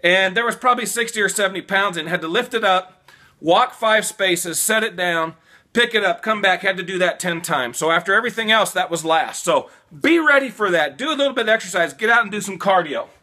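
A man, giving casual trucking advice to camera in an animated way, stopping and restarting often, in a small room at home. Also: high-pitched, brisk. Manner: animated, gestures a lot, repeats and restarts. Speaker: vlogger, new truck driver.

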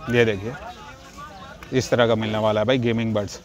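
A man's voice: on the low side, little pitch movement, a little fast, a crowd in the background. A man filming at an outdoor street market stall on a handheld phone, repeating each price back for his viewers and calling the seller "bhaiya" often. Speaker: vlogger. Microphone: handheld phone camera.

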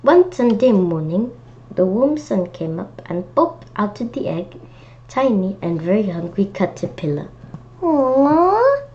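A woman reads a storybook for children in a slow, sing-song, warm mid-range voice, pausing to add chatty, childlike comments. You can hear noticeable noise in this dull, lo-fi home recording.

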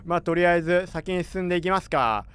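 Male gamer, high bouncy voice, excitable and chatty live reactions. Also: clear, resonant tone. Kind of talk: let's play commentary.

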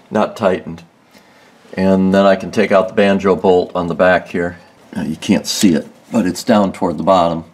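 A man casually showing how he does a car repair, relaxed and rambling, with many ums and restarts. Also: low-pitched. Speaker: home mechanic host. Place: under a car in a garage.

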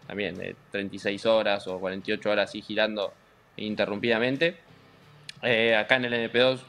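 A man with an Argentine accent, a racing driver being interviewed, talking in a relaxed, joking way with many fillers and restarts. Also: on the low side. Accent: Argentine Spanish. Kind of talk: casual interview chat.

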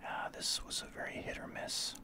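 A man from Saskatchewan, Canada, speaking in a soft breathy whisper as an ASMR streamer, explaining his gameplay in informal gamer talk. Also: normal speed. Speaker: streamer, ASMR channel host.

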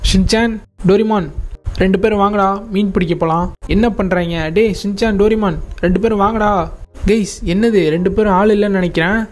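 A man's voice: high voice, steady tone, a little fast, darkish tone, natural voice. A man playing an easygoing game hero. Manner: plain, instructive, addressing viewers. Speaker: gameplay video narrator. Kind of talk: Tamil gameplay narration.

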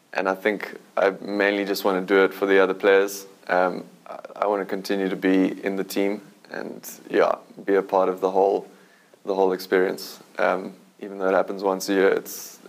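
A young South African man gives halting interview answers. His low voice is gravelly and almost monotone. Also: rough recording. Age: 20s. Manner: hesitant, halting. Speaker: ice hockey player.

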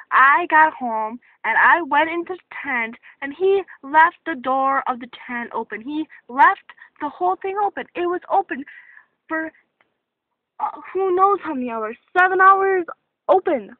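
High-voiced woman rambling in a tinny recording. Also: dry recording. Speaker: vlogger. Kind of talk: rambling casual vlog. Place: parked car.

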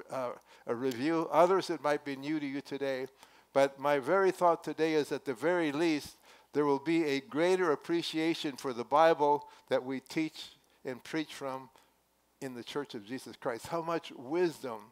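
A pastor, an older man with a fairly high voice speaking at normal speed, preaches from a wooden pulpit in a church sanctuary. His delivery is earnest and conversational, marked by emphatic rises. He speaks into a headset mic.

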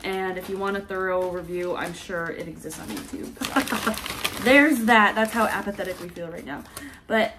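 A woman's voice: mid-range voice, normal speed, noisy background. A young woman chatting casually as a travel vlogger, giggly and full of fillers, unboxing toys in a hotel room. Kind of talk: casual chat.

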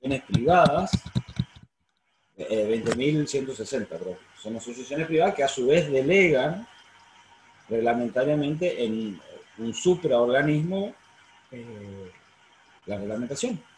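Argentine law professor, roomy sound. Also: male voice, medium pitch, animated, measured pace, pauses often. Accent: Argentine Spanish. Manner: explanatory, frequent fillers and self-corrections. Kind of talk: online university lecture. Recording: roomy sound, faint noise.

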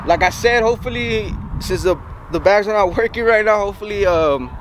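A man in his twenties chatting casually to a vlog camera, slangy and sweary with lots of hesitant pauses, recorded on a handheld camera. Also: high-pitched. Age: 20s. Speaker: vlogger. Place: outdoors and inside a moving truck. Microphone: handheld camera at arm's length. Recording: loud vehicle and outdoor noise.

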